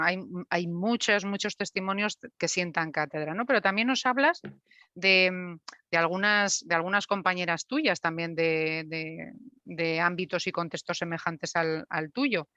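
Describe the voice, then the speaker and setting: A woman's voice: fairly low pitch, a little slow, bright, forceful tone, no room sound. A woman hosting and interviewing on a video call, asking questions with hesitant, repeated words. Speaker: event host and interviewer. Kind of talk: moderating an online talk. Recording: dry lo-fi video call audio.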